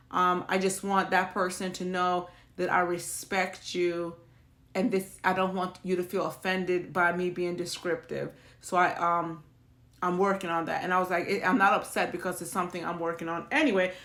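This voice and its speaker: A woman's voice: lowish voice, a bit bright. Chatty woman hosting a perfume vlog. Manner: chatty and reflective, rambling with restarts. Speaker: perfume channel host. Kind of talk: casual chat to viewers.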